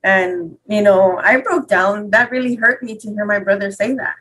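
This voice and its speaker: A woman's voice: mid-range voice, normal speed, fairly bright tone, breathy edge, rough recording. Woman recounting with many fillers. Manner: conversational, heavy use of "you know" fillers. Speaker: interview guest. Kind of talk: personal account in a radio interview.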